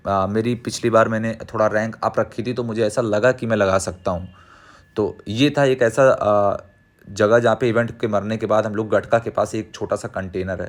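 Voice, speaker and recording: A young man chatting casually over gameplay, sharing tips in an advice-giving way with frequent restarts. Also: medium pitch. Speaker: mobile gaming creator.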